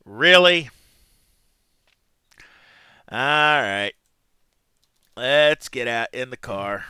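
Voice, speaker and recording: A man's voice: medium pitch, lively intonation, very slow, pushed and bright, clean tone, no room sound. A man playing a video game, reading its text aloud and adding casual muttered asides. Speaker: gameplay commentator.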